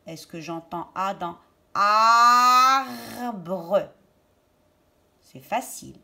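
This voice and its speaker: A woman teaching a reading lesson to young children, stressing and repeating each word slowly and deliberately. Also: on the high side, big pitch swings, fairly bright tone.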